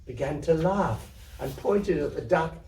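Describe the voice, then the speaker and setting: On the high side and darkish in tone, this man's expressive voice unfolds a little slowly as he narrates a literary story for an audience, dramatic and descriptive throughout. He's a story reader from a theatre troupe at an indoor community venue. Echo fills the room, and the microphone is distant.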